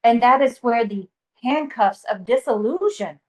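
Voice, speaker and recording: A woman channeling an ancient male sage spirit, speaking slowly with humming pauses and casual swearing. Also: on the high side, poor audio. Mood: serene. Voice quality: slow, pausing, humming "mm" between phrases. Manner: calm, teasing, swears casually. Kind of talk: channeling session.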